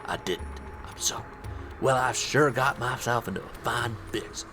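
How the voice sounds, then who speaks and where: A man's voice: medium pitch, moderate pace, lightly acted. A man voicing a brave young frat-bro soldier, reading his farewell note in character. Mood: resigned. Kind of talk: in-game lore note read aloud. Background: game music.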